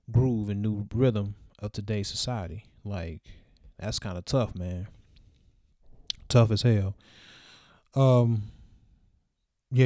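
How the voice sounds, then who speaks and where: A vlogger in his twenties talks to the camera in a loose, reflective ramble full of fillers, filmed in a small room. His voice is fairly low and dark, and the recording is dry with clean studio sound.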